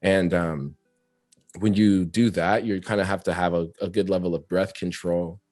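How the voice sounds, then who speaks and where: A man's voice: deep voice, fairly even intonation, moderate pace, darkish tone, no room sound, clean studio sound, soft background music. A man, a rapper, chatting as an interview guest, talkative and reflective and laughing often. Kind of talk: casual interview chat.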